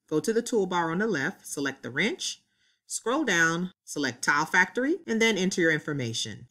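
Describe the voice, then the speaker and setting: Over the screen capture of a software tutorial, a woman teacher with a fairly low-pitched voice explains each step clearly.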